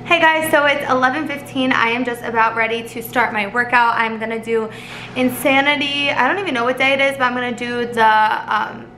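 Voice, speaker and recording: A woman's voice: on the high side, steady tone, fairly quick, music in the background. A woman in her twenties, a student teacher, talking casually to her camera at home in an upbeat, chatty way, often saying "like". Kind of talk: casual vlog talk to camera.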